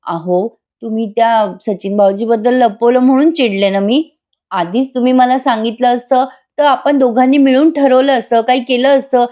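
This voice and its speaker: A woman's voice: fairly high pitch, moderate pace, warm tone, voice pushed up, close to an everyday voice. Woman reading as a young wife, fussing, scolding, loving. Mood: fussing, emotional.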